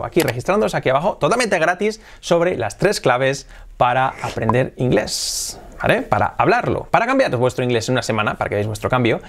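Man, English teacher, lively repeating drills, mid-pitched voice. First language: Spanish. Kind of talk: online language lesson.

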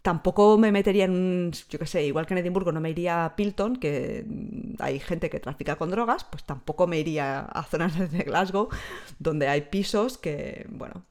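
Speaking at a moderate pace, a thirtysomething podcast guest chats casually and explains at length with fluency. Her voice is on the low side and a little mellow.

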